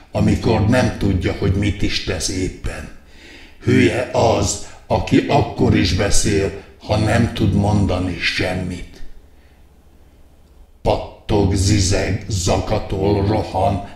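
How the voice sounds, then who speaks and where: A man's voice: lowish voice, darkish tone, close to an everyday voice. A man playing a pompous male wizard doctor who preaches stillness in a satirical guided meditation, declaiming long lists of verbs. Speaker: meditation therapist in a satirical video. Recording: echoey hall from far off, music behind.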